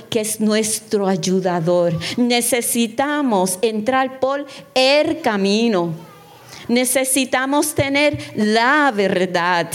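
A woman preaching a sermon, impassioned, her voice rising into high exclamations when she gets excited.

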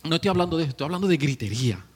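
Animated preacher, a man. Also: fairly high pitch, rapid-fire, husky. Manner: animated preaching, swinging from hushed to shouting with joking asides. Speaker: pastor. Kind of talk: sermon.

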